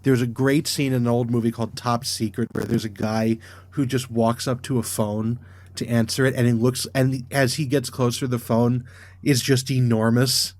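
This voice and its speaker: A man's voice: mid-range voice, level tone, moderate pace. A man co-hosting a podcast in casual chat, enthusiastic and prone to stammering restarts. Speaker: podcast co-host.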